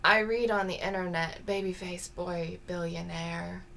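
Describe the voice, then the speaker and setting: Woman playing deadpan young poet, slow deliberate reading, gravelly. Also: lowish voice, a little hiss or hum, full character voice.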